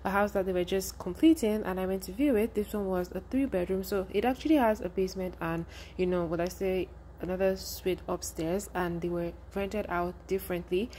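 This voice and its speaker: A woman's voice: medium pitch, brisk, warm tone, slight background noise. A woman vlogger narrating a rental house tour in a casual, chatty voice-over, full of "you know" fillers.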